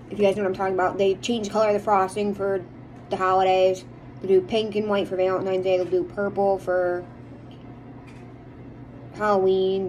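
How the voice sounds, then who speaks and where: An American woman vlogger with a medium-pitched, slightly mellow voice chats casually to viewers, rambling and emphatic about what she likes and dislikes. The recording is rough, with slight background noise.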